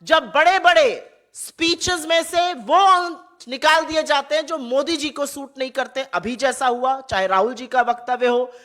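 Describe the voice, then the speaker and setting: A woman giving a political speech as a party spokesperson, forceful and rhetorical, repeating rallying lists of points. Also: high voice, unhurried.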